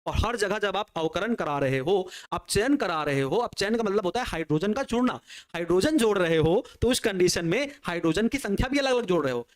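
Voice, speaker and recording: A man's voice: high voice, expressive, a little fast. A man teaching a chemistry class online, working through reactions step by step and answering his own questions for the students. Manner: explains step by step at a working pace. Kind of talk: online exam-prep lecture.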